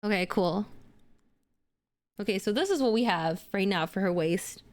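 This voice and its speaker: Streaming her model-kit build, a young woman from Indonesia keeps up casual, playful chatter in a mid-range, expressive voice at normal speed.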